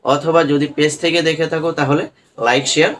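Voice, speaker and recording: A man with a Bangladeshi accent leads an online English pronunciation lesson in Bengali. His voice sits slightly high, and he spells each word letter by letter. A faint hiss of background noise runs underneath. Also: steady tone, quick pace, a bit bright. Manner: spells words letter by letter, asks "right?" often. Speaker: English teacher.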